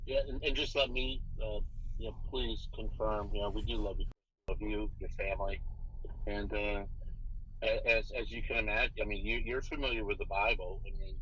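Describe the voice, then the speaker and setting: A man speaking as a congregation elder, earnest and reassuring, repeating himself for emphasis in halting phrases. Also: lowish voice, pushed and bright. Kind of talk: earnest, reassuring private meeting talk. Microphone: hidden recorder. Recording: dull covert recording, faint background noise.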